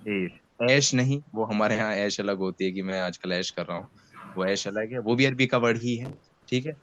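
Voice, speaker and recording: A man teaching beginners Arabic in an online class, speaking with an Indian accent and patiently having students repeat words after him while fasting with a headache. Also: on the low side, fairly bright tone, slight background noise. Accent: Indian Hindi-Urdu. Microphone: video call. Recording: dull lo-fi video call audio.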